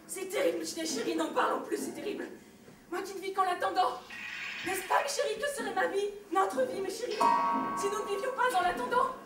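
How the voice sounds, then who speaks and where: A woman's voice: very high-pitched, a little fast. A woman playing a doting mother who pines for her absent husband, lamenting theatrically in a stage play. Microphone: distant room mic. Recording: echoey hall from far off, faint music.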